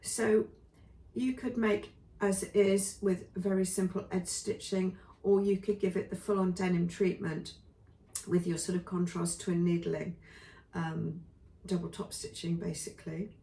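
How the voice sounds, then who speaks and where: A woman reviewing sewing patterns in a chatty, casual way with lots of ums, her voice going hoarse. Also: fairly low pitch, flat delivery, measured pace, warm tone, reverberant, far from the mic. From England. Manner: chatty, many ums and trailing lists. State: losing her voice. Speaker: sewing vlogger.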